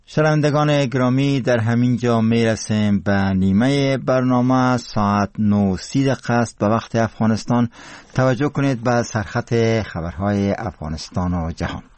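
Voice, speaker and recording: A man's voice: mid-range voice, darkish tone, slight background noise. Solemn, formal Afghan male newsreader. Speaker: radio newsreader. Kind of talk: scripted news reading.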